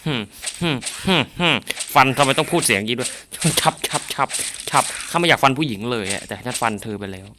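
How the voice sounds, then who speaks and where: A man giving playful, jokey commentary on a mobile zombie game, bursting into shouts and mock samurai lines. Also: medium pitch, lively intonation, fast talker, background noise.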